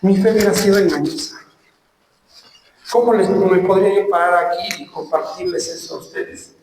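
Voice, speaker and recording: Earnest preacher in an echoey hall. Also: male voice, high voice, steady tone, a little mellow, recorded from a distance, a little hiss or hum. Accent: Mexican Spanish. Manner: earnest storytelling, slow emphatic phrases. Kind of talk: sermon with personal testimony. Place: church hall.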